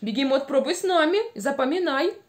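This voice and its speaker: A young woman teaching small children speech exercises in a playful, encouraging, animated way, enunciating every word with exaggerated care. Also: sits high, a little fast. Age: young adult. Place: small room at home by a window.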